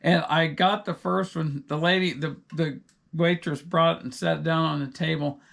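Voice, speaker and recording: Man, middle-aged, gravelly fry, rambling storyteller, podcast chat. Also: a little high, fairly even intonation, moderate pace, fairly bright tone. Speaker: podcast co-host. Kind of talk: casual chat.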